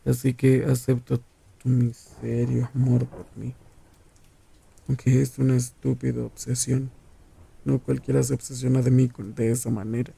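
A man acts out a possessive young serial killer for an ASMR roleplay, taunting his lover with slow contempt. The voice is very dark and deeply gravelly, with a husky edge. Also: completely flat delivery, heavily acted, low-quality recording. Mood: scornful. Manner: taunting, condescending, drawn-out.

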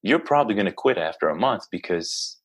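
Animated and a bit quick, his low-leaning voice carries a breathy edge. He's an Israeli basketball coach in his thirties appearing as a podcast guest, chatting earnestly in a casual interview and often restarting or using fillers.

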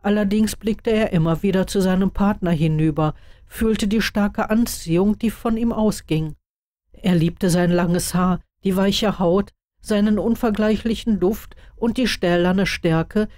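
A woman narrating fan fiction in a calm, even storytelling voice. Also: mid-range voice, unhurried, no echo, studio quality. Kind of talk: audiobook reading of fan fiction.

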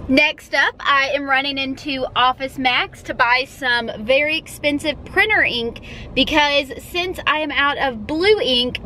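A woman's voice: high-pitched, pushed and bright, slight background noise. A woman, chatting upbeat to a handheld camera in her kitchen and car, and cooing to her dogs. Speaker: vlogger. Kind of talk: casual vlog talk to camera. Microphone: handheld camera at arm's length.

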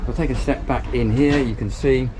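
With music in the background, a boat reviewer casually walks his camera around a marina pontoon and into a small motor boat cabin. His mid-range voice is fairly even at a moderate pace, and he stays chatty and upbeat, thinking aloud in this walkthrough vlog.

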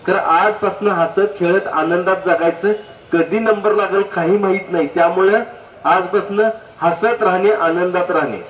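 High-voiced man joking in an echoey hall. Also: steady tone, measured pace. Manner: jokey, anecdotal, asks the audience direct questions. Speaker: public speaker on health. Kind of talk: humorous public talk. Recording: echoey hall, distant mic, faint noise.

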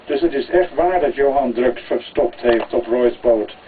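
A man's voice: mid-range voice, unhurried, natural voice. A man voicing a wry private detective muttering his thoughts, on a tinny, distant recording. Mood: suspicious. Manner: muttering to himself. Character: sly male private detective, wary and wry. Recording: tinny phone-like, distant, faint hiss.

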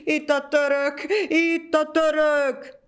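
A woman's voice: sits high, level tone, pitched above the performer's own voice, natural voice. A woman voicing a mad village woman who screeches in frantic panic in a storybook tale. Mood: panicked.

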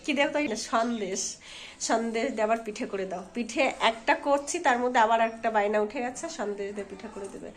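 A woman with a hoarse voice from a fever, chatting casually to her viewers in a home vlog and checking in with them as she goes. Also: fairly high pitch, fast. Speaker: home vlogger and mother. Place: at home indoors.

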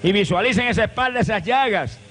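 A male evangelist preaching a fervent revival sermon, with impassioned repeated cadences and bursts of shouted praise. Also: high voice, fast. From Puerto Rico.

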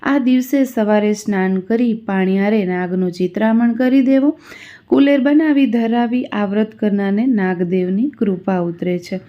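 A woman narrating a devotional folk tale in a steady, plain reading voice. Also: medium pitch, moderate pace. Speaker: storyteller. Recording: dull lo-fi recording.

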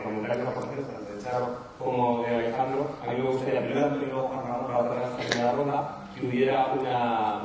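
A male moderator with a Spain accent addresses panelists in loose, roundabout sentences. His mid-pitched voice comes from a distance in a very echoey hall with audible crowd sound. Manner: wordy, roundabout. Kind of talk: unscripted moderating. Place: conference stage, large indoor hall.

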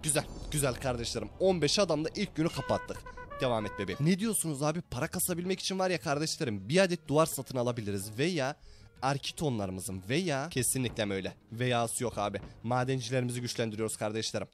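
A young man commentating his gameplay for viewers, animated and chatty, his voice hoarse from being sick. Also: mid-range voice, fast talker, music in the background. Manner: animated, talks to viewers as brothers. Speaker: gaming YouTuber.

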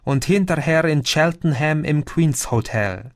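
A man's voice: fairly high pitch, a little slow, dry recording, clean studio sound, pitched above the performer's own voice. A man reading an audiobook, voicing a lonely young man who complains in a plaintive, self-pitying way.

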